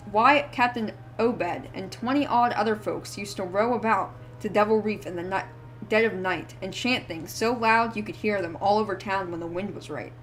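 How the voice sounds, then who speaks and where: With a mid-range voice close to her everyday one, a woman plays a wheezy old drunk who rants and rambles feverishly in rustic old-timer talk. There's a little hiss or hum, plus faint music in the background.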